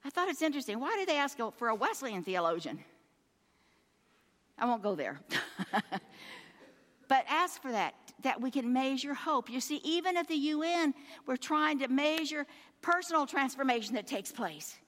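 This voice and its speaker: High-voiced woman preaching in a hall. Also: very animated, normal speed, long pauses, a bit bright. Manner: earnest, exhorting, addresses listeners as my friends. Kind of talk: sermon.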